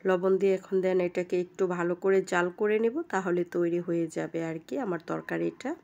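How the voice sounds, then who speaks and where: Hoarse woman with a cold. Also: on the low side, little pitch movement, fairly quick, darkish tone, lo-fi sound. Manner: step-by-step, chatty instructions. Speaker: cooking channel host. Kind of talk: recipe voice-over.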